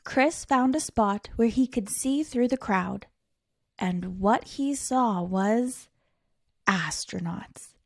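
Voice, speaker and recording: Reading a picture book to young children, this storytime reader has a fairly high voice and an expressive, theatrical style. She takes her time, lingering on key words and pausing for dramatic effect. The sound is close and dry, with no room sound.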